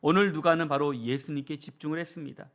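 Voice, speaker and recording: Earnest preaching man, fairly high voice. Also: fairly even intonation, fast talker. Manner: earnest preaching with many rhetorical questions; swings between soft and raised emphatic delivery. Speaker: pastor. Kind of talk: sermon. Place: church sanctuary.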